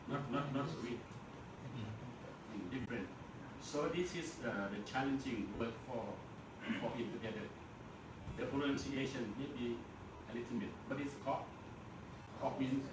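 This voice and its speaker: A man with a Burmese accent teaching an English class, speaking slowly, repeating words and chuckling often. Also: medium pitch. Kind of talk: classroom lecture. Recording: echoey classroom, mic far off, noisy.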